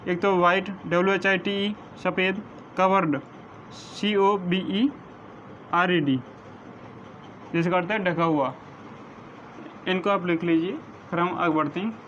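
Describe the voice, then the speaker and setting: A man with a high voice works through a vocabulary list as a teacher, giving one meaning after another and spelling words out letter by letter. The recording is dull and lo-fi, with a faint hiss underneath. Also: steady tone, a bit bright. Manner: slow, measured dictation, spelling words letter by letter. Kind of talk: vocabulary lesson, reading word meanings. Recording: dull lo-fi sound with faint noise.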